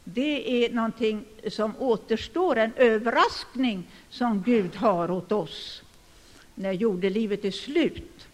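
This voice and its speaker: High-voiced older man preaching in a hall. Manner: emphatic, with sudden loud declarations. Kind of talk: sermon. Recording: long hall reverb.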